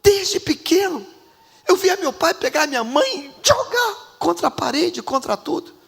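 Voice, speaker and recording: A man's voice: very high-pitched, sing-song, measured pace, vocal fry, fairly bright tone, long reverb tail, voice pushed up, full character voice. A man voicing an ashamed young husband who stammers through a confession to his pastor.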